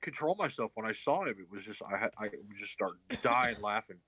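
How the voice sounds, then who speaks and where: A man's voice: on the low side, expressive, brisk, bright, forceful tone, breathy edge, dry recording, poor audio. A man from Texas telling rambling, funny anecdotes in casual chat, laughing at his own stories. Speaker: guest friend.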